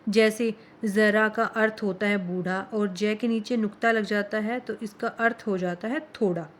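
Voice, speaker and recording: A woman teacher explains grammar at an unhurried, careful pace. She spells out each sound on its own and pauses between them. A light hiss sits in the background. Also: medium pitch, steady tone. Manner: slow, deliberate, spells out sounds one by one. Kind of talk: slow explanatory grammar lesson.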